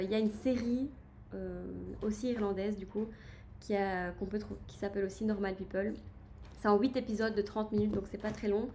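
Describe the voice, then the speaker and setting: A woman's voice: medium pitch, mellow, slight background noise. A woman chatting in a casual book-review livestream, enthusiastic and full of hesitations as she recommends books. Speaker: book streamer.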